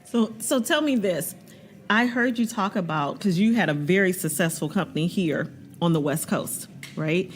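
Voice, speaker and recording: A woman hosting a podcast interview, lively and encouraging, with slangy playful asides. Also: lowish voice, normal speed, a little hiss or hum. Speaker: podcast host. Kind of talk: casual interview.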